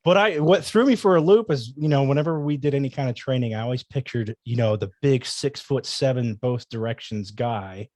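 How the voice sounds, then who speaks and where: A man's voice: mid-range voice, fairly quick, few pauses, no echo. Dry, close-sounding man telling a story. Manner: animated, quotes himself and others in asides. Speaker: firearms trainer guest. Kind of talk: casual storytelling.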